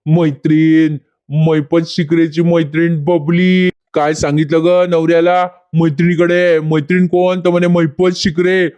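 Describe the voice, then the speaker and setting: A man voicing a menacing male villain who mocks and threatens in a slow drawl. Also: fairly high pitch, flat delivery, darkish tone, smooth, natural voice. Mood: mocking.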